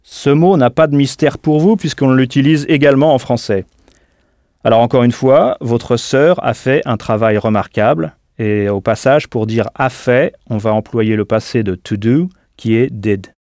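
A man leads a scripted audio language lesson in a dry studio sound with no room around him. His voice sits at an ordinary mid pitch. He talks slowly and deliberately and spells words out letter by letter. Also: a little mellow, no room sound. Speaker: language teacher.

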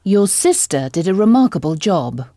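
A woman's voice: medium pitch, sing-song, unhurried, dark tone, no echo, studio quality. A woman taking part as a student in an audio language lesson, answering short prompted sentences.

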